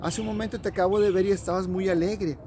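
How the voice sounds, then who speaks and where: A man voicing a friendly male sun who gently coaxes and cheers on a little boy in a children's story. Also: high-pitched, fairly even intonation, quick pace, background noise, voice pushed up. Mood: coaxing. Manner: gentle, coaxing questions.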